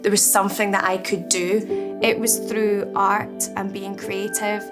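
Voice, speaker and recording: A Scottish woman in her thirties talks in a documentary interview, soft-spoken and candid. Her voice sits at a middle pitch and stays reflective. Music plays clearly underneath. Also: level tone, unhurried. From Scotland, Edinburgh. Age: 30s. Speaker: artist.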